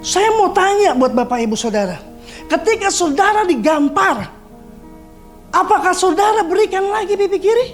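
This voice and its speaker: High-voiced woman preaching a sermon. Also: animated, moderate pace, faint music behind. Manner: conversational preaching, reading scripture and acting out quotes. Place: church service.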